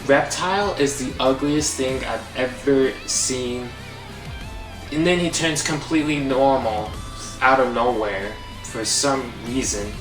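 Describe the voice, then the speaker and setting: Over clearly audible guitar music, a young man hosts a funny movie review with a sarcastic, exasperated edge and mid-level pitch. He talks slowly and sounds far away and echoey.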